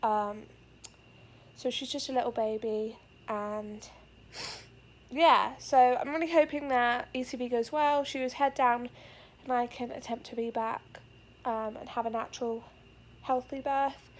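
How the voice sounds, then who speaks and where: In an unhurried, casual pregnancy vlog, a young woman speaks to the camera in front of her with a slightly high, steady voice, leaving long pauses. She's a little out of breath, earnest, and rambling, filling gaps with many fillers.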